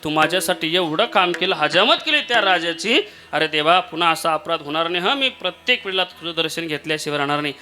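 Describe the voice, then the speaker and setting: A man's voice: a little high, animated, quick pace, bright, forceful tone. A man voicing a humble, devout barber in a sermon story, pleading earnestly and emotionally. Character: humble devoted male barber, pleading servant.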